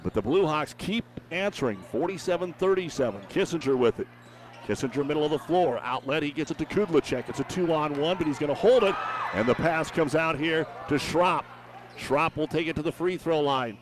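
A man calling a high school basketball game play by play on radio, his calls rising in excitement on big plays. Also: a little fast. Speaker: play-by-play announcer.

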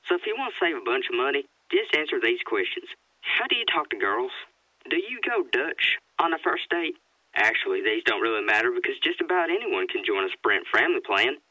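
A man's voice: medium pitch, big pitch swings, a little fast, bright, forceful tone, breathy edge, no room sound, far from the mic, heavily acted. An actor playing a chatty, cheeky young guy's voicemail greeting in a comic radio ad, casual and conversational through a telephone filter. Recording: thin, narrow phone-line sound.

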